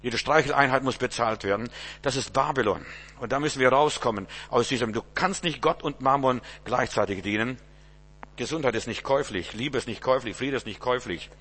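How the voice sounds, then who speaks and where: A man in his fifties delivers an informal sermon as a pastor. He talks conversationally, throws in rhetorical asides to his listeners, and often repeats words as he goes. His voice sits at an ordinary male pitch. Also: brisk, fairly bright tone, breathy edge.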